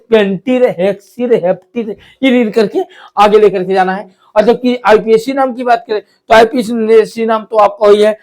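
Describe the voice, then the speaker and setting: High-voiced chemistry teacher. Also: male voice. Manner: repeats terms, asks and answers own questions. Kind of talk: classroom lesson explanation.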